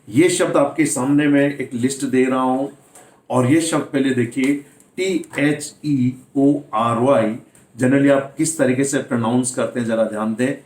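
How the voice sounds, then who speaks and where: In a classroom-style video lesson, a man teaches English pronunciation, speaking Hindi mixed with English words and spelling words out letter by letter. His voice is medium-pitched and a little mellow, with a reverberant sound.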